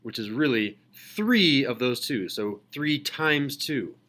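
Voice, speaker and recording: A man's voice: medium pitch, lively intonation, slow, a bit bright. Man teaching algebra to a class. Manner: calls on students, asks questions. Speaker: math teacher. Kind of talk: classroom lecture.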